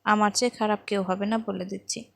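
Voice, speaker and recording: A woman's voice: mid-range voice, flat delivery, fairly quick, gravelly, fairly bright tone, no echo, studio quality. A woman voicing a stern, protective young man who answers with clipped threats in a storybook reading. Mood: threatening. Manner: clipped, threatening through clenched teeth.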